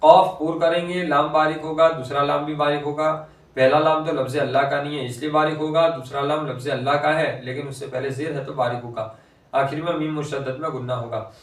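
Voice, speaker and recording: Male tutor, slightly high voice, slow drawn-out recitation between explanations, roomy distant sound. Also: fairly even intonation. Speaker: Quran reading teacher. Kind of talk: recitation lesson explaining pronunciation rules. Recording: echoey room, voice from a distance.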